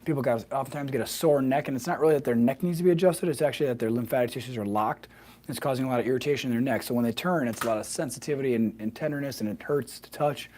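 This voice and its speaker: A man with a slightly hoarse, froggy voice explaining wellness informally as a presenter on a live video, often adding small check-in questions. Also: mid-range voice, very fast, darkish tone, a little hiss or hum. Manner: fluent, explanatory, often checks with "right?" and "okay?". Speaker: health practitioner hosting a weekly wellness video.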